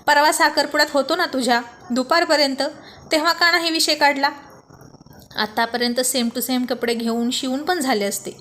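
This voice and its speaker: A woman's voice: high voice, steady tone, pushed and bright, slight background noise. A woman voicing a witty, teasing young man who leads his group of friends, in a storybook reading. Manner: teasing, quick comebacks.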